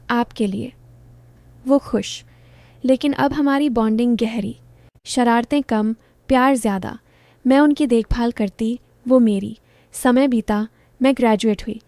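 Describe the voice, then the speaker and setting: A woman narrates a first-person story in short, clipped phrases, soft and intimate in manner. Her voice is mellow and fairly high, and she reads unhurriedly. The recording is close and dry. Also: steady tone, measured pace, dry recording.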